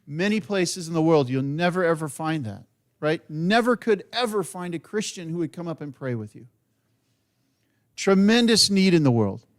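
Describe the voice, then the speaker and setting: A man leading a student mission program, speaking earnestly to a church congregation. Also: a little high. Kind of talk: church presentation.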